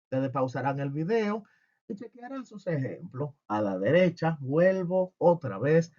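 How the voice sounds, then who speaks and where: Lively husky-voiced man teaching French. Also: a little high, measured pace, highs cut off. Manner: lively, jokey, asks and answers his own questions. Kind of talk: humorous language lesson.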